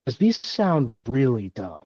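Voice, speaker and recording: A man's voice: medium pitch, big pitch swings, unhurried, dark tone, slightly rough, no room sound. Rambling man in his thirties, dry lo-fi mic. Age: 30s. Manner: rambling, self-deprecating, many fillers and restarts. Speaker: podcast co-host. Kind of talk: casual chat.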